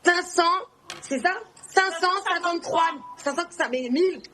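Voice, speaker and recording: Blunt high-voiced young woman guest. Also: normal speed, background noise. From Guadeloupe and Morocco. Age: 20s. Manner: blunt, outspoken. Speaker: reality TV personality, guest.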